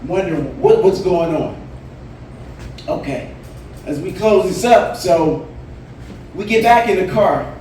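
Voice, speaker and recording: Slow and expressive with long pauses, a man in his late forties does a relaxed stand-up set in a bar, his darkish voice sitting high. His stories end in punchlines. The distant mic in the roomy bar picks up a little hiss or hum.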